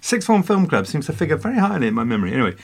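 A man's voice: fairly high pitch, sing-song, rapid-fire, gravelly. Playful Englishman telling history. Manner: playful, jokey asides, mock French phrases. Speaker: podcast host. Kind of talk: casual history podcast chat.

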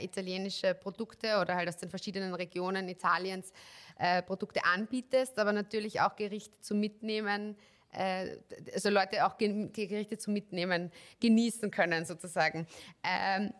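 A woman's voice: mid-range voice, a bit bright. A woman hosting an interview podcast, friendly and chatty, asking long winding questions. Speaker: podcast host.

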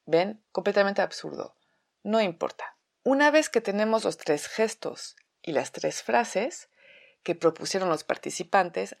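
A woman, a theater workshop teacher calmly explaining a drama exercise step by step. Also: lowish voice, vocal fry. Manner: calm, methodical explanation with examples.

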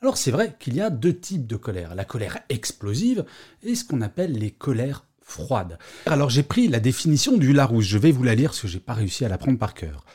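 A man's voice: medium pitch, very animated, brisk, darkish tone, husky. A middle-aged man hosting a solo podcast about work life, talking conversationally and explaining with asides. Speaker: podcast host.

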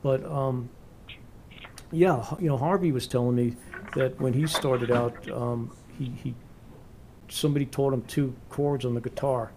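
A man's voice: mid-range voice, steady tone, unhurried, mellow, slight background noise. A man in his sixties hosting a casual interview, chatty and rambling with many fillers. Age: 60s. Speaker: interview host.

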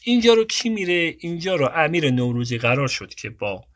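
A man's voice: on the high side, big pitch swings. A man telling a long personal story in a casual, digressive way, often cutting himself off and moving on.

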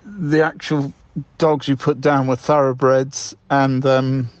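A man leaving a voicemail, heard over a landline phone, hesitant and halting with many ums. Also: mid-range voice, level tone, no echo. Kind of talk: comedy sketch. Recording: muffled phone-line audio.

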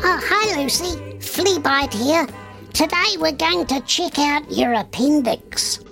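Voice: sits high, lively intonation, takes it slowly, gravelly, music in the background, exaggerated voice. A performer with a New Zealand accent voicing a plucky, curious flea who leads a band of singing fleas in a chatty children's cartoon style. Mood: curious, upbeat. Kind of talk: children's audio comedy acting.

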